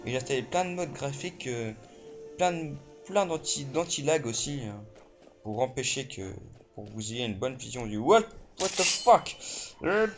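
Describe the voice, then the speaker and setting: A man giving casual let's play commentary while he plays, excitable, full of fillers and swearing. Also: medium pitch, normal speed. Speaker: gamer. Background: game music.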